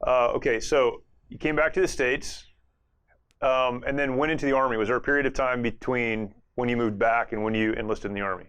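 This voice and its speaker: Male podcast host, friendly and casual, smooth resonant voice. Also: mid-range voice, steady tone, a little fast, a bit bright. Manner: friendly, conversational, with fillers. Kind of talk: casual interview hosting.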